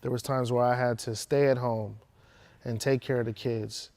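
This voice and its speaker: Middle-aged man, host, earnest measured talk, dry close-miked sound. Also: medium pitch, steady tone, a little mellow, no room sound. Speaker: host and filmmaker. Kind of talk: sit-down interview. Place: dark studio with curtain backdrop.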